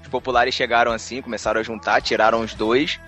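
A man chatting on a podcast, rattling off a personal story at a quick clip with faint music underneath. He stays animated, laughs often and repeats words as he goes. His voice sits at an ordinary middle pitch. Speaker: podcast co-host. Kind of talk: casual storytelling chat.

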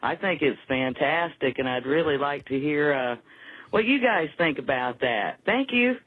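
A woman's voice: sits low, expressive, normal speed, husky, dry recording. A woman from East Tennessee with a sultry, smoky whiskey voice, leaving a casual message as a caller to a show. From East Tennessee, USA. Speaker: listener calling in. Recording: muffled, band-limited phone line.

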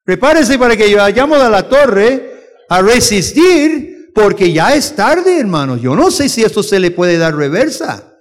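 A man with a high voice teaches a church class and fields questions, speaking with earnest conviction and frequent restarts. His voice carries a long reverb from a large hall. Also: very animated. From United States. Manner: earnest, rises to forceful urgency when preaching; halting restarts and fillers. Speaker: missionary teacher.

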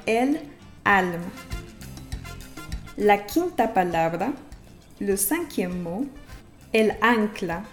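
A woman hosting a podcast language lesson who explains slowly and carefully, and who repeats example words for her learners. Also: mid-range voice. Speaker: Spanish teacher and podcast host.

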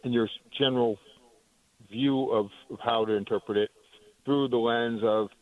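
A man from Maine calling in to a radio show over the phone, talking in a halting way as he searches for words. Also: medium pitch, steady tone. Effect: heard over the phone. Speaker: caller. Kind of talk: call-in radio chat. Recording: tinny dry phone line.

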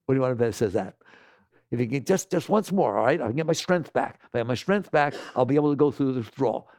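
Gravelly man lecturing an audience. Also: mid-range voice, fast, dry recording, clean studio sound. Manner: animated, scolding, rhetorical questions. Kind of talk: talk to an audience.

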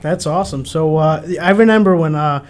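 A man's voice: on the high side, normal speed. A man hosting a radio show in a studio, chatting casually and laughing along with his guest. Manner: laughs along, brief eager replies.

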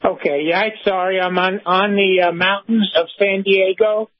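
A man with a high voice calls in to a radio show from the mountains on his cell phone. The line breaks up and cuts in and out as he speaks. It sounds dull and lo-fi, and he keeps checking whether anyone can hear him. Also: steady tone, moderate pace. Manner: asks again and again if he can be heard. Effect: phone line breaking up, cutting in and out. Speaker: guest calling in to a radio show. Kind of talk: phone call-in interview.

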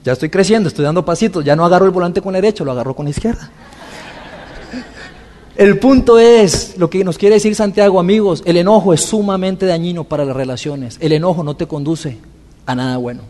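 A man's voice: high-pitched, brisk, warm tone. Conversational man preaching in a reverberant hall. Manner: conversational, personal stories, rhetorical questions. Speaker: pastor. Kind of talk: sermon.

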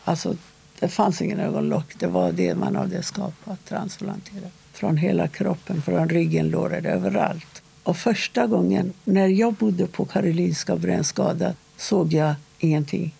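A woman interviewee recounting a personal story in a halting, measured way, with short pauses. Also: lowish voice, fairly even intonation, vocal fry, mellow, slightly rough.

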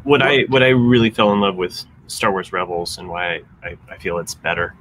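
A man's voice: sits low, fairly quick, fairly bright tone, a little hiss or hum. A man co-hosting a podcast in casual chat, rambling along with many restarts. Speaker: podcast co-host.

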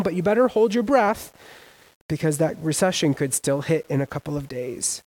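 A man preaching a sermon as pastor, emphatic and casual, with sudden loud rises and everyday slang. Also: high voice, poor audio.

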